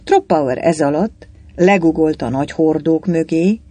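A man narrating a story with a dramatic, lively reading. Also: a little high, no echo. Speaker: audiobook narrator.

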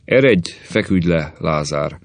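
A firm, worried sister who speaks in short, dry, pressing words, read by a man. The voice stays low and close, with a plain, dry sound. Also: expressive, gravelly, dry recording. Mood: firm concern. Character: firm, worried adult woman caring for her brother.

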